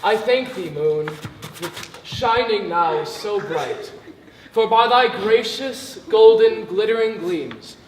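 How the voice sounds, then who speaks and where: A man's voice: high voice, animated, slow pace. A man playing a melodramatic tragic lover. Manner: overblown, melodramatic. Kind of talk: live stage acting. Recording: echoey hall, reverberant stage.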